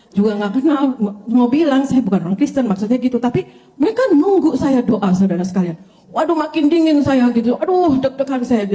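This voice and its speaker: An older woman, a pastor, telling her conversion story to a congregation with lively storytelling and frequent direct address to her listeners. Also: on the high side. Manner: animated storytelling, often addressing listeners as brothers and sisters. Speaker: pastor giving a testimony. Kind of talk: testimony sermon to a congregation.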